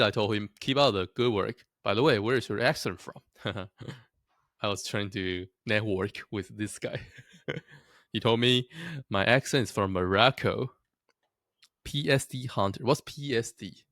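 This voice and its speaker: Speaking casually to his viewers, a young vlogger from Taiwan keeps things chatty and self-deprecating, frequently laughing at his own expense. His voice is on the low side with a fairly bright tone, recorded dry at studio quality.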